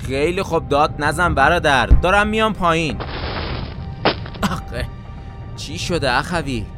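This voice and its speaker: An actor playing a calm, humble division commander who speaks politely. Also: male voice, fairly high pitch, music in the background, lightly acted. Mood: mild. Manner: calm, polite, then apologetic.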